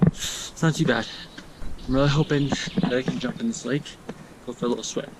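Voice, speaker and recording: A man's voice: medium pitch, steady tone, fairly quick, heavy background noise. A young man talking casually to camera on a mountain trail, a little out of breath as he walks. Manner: easygoing, talks while walking uphill. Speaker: vlogger. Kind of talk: casual hiking vlog to camera.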